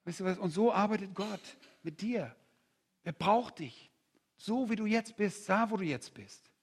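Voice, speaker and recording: A male preacher with a husky, fairly high voice gives a lively conference sermon. He fires rhetorical questions at the crowd and slips into quoted voices to make his points.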